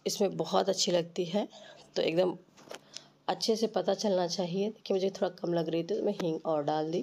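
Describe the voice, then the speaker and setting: A woman narrates a recipe tutorial step by step, informally, her voice stuffy and rough with a cold. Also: fairly low pitch, warm tone. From Uttar Pradesh, India. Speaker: cooking channel host.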